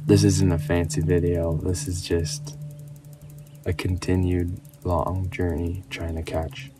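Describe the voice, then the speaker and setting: A young man in his twenties talking casually and cheerfully to camera while fishing from a canoe on a lake, laughing often and exclaiming when fish bite. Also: low-pitched. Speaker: angler vlogger. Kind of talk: casual outdoor vlog narration. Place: canoe on an open lake outdoors.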